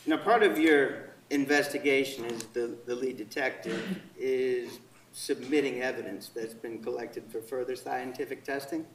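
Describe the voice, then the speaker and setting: A man serving as an attorney puts formal, methodical questions to a witness during direct examination in an indoor courtroom. He has a mid-range voice and a moderate pace, recorded through a distant microphone with courtroom echo.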